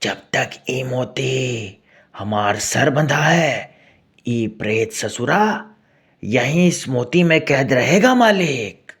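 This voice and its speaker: An earnest, fearful village servant in a storybook tale, as the narrator puts him on. He drawls very slowly in rural dialect. The voice is gravelly and husky, with a lot of breath in it. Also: medium pitch, animated, a bit bright, voice pushed up, heavily acted. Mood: hushed, confiding.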